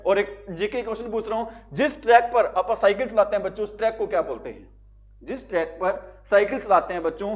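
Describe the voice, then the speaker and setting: Male teacher, high voice; drills students with repeated call-and-answer questions, muffled recording. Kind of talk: exam-prep vocabulary lesson.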